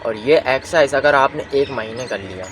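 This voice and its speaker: A man's voice: mid-range voice, normal speed, background noise. Man coaching voice exercises, birds faint. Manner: explains patiently and asks listeners to follow along. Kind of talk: casual spoken tutorial.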